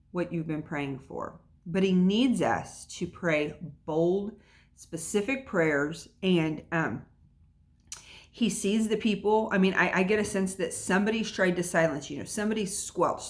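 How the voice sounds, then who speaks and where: A woman hosting a casual devotional podcast from her home, talking in a chatty, encouraging way with plenty of fillers. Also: medium pitch. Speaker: podcast host. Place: at home by an open window.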